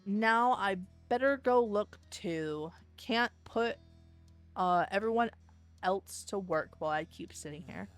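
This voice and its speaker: A woman's voice: mid-range voice, animated, takes it slowly, no echo, soft background music. A woman voicing a worried, polite middle-aged father who is looking for his son, reading a visual novel aloud.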